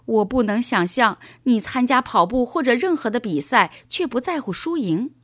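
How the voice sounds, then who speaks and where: A woman's voice: fairly high pitch, expressive, normal speed, fairly bright tone, no room sound, studio quality, pitched above the performer's own voice. A woman voicing an eager, curious young schoolboy in a children's storybook reading.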